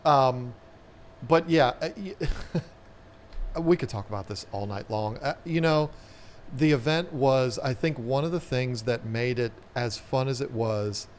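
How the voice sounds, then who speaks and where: A man's voice: mid-range voice, unhurried, slight background noise. A man co-hosting a casual live stream, telling rambling anecdotes with many restarts. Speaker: aquarium channel co-host.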